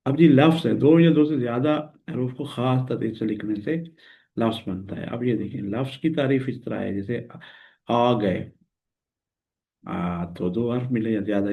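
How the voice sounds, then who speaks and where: A man from Pakistan gives a recorded grammar lesson. He talks at a mid pitch, in a patient manner, and goes over each word slowly and repeats it. The sound is thin and narrow, like a phone line. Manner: patient, explains step by step and repeats words slowly. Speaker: teacher. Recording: tinny phone-like audio.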